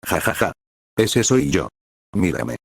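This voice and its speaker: A man voicing a loud, brash young male fighter who talks bluntly and boastfully. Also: lowish voice, very animated, slow, gravelly, husky, no echo, studio quality, exaggerated voice.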